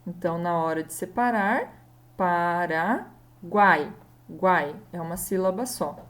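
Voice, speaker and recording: A woman teacher, patiently explaining a grammar lesson and spelling out letters one at a time. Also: lowish voice. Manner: patient, slow, spells out letters and checks in often.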